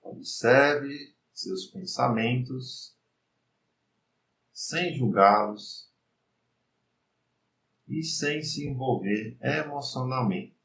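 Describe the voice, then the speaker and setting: A Brazilian man leads a guided breathing meditation in a calm, soothing voice of medium pitch. He speaks very slowly, leaving pauses between short instructions. The room adds noticeable echo to his words. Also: creaky, recorded from a distance. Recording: roomy echo, faint background noise.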